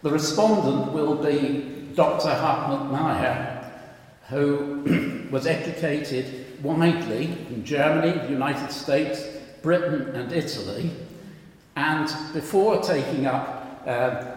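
A man chairing an academic session, making formal introductions in a measured, somewhat halting way. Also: a little high. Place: large reverberant lecture hall. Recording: very echoey hall, long reverb.

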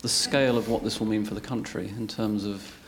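Panel speaker: man, lowish voice, quick and earnest, thinking aloud over slight background noise. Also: steady tone. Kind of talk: spontaneous panel remarks.

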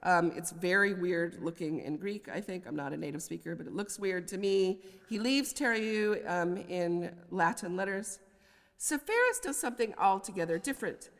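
An American woman gives an academic lecture on poetry in a large indoor hall, scholarly yet sprinkled with conversational asides. Her lowish voice has lively intonation at a normal speed, and the hall adds noticeable reverb.

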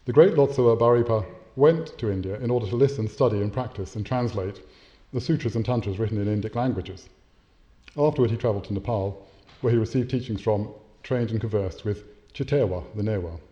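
Male academic lecturer, lowish mellow voice, measured delivery with small hesitations, dull lo-fi recording. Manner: measured, with occasional hesitations and self-corrections. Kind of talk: academic lecture with read-aloud story.

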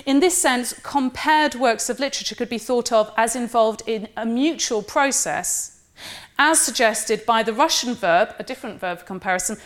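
A woman giving an academic lecture in a measured, precise way, sometimes correcting herself mid-phrase. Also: a little high. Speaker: university lecturer.

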